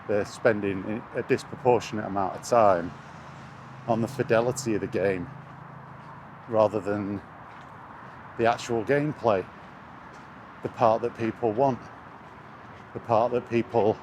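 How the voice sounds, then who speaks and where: A lowish, darkish voice belongs to a British man who vlogs about gaming while walking beside traffic. His rant is casual, sweary, blunt and scornful, recorded amid outdoor street and vehicle noise.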